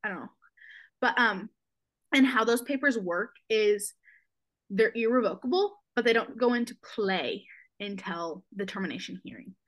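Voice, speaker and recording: A young woman, a podcast guest, telling a personal story in a halting, emotional way, with many fillers and restarts, close to tears. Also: mid-range voice, a bit bright.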